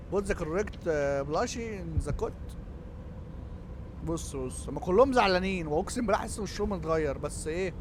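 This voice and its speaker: A man with an Egyptian Arabic accent giving jokey, excitable commentary on a horror game, yelping when startled. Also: high-pitched, slight background noise. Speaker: gaming YouTuber. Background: game music.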